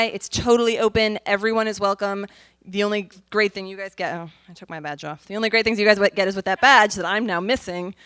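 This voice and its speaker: Woman, conference host, losing her voice, casual and chatty, smooth tone, dry sound. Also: mid-range voice, a bit bright, no echo. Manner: casual, chatty, loose phrasing. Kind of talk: announcements from the stage. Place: conference stage.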